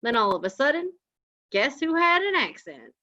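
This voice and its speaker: A woman's voice: sits high, big pitch swings, moderate pace, pushed and bright, full character voice. A woman reading the part of an anxious young man who talks in a folksy cowboy drawl, in a live script reading. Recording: dull lo-fi audio.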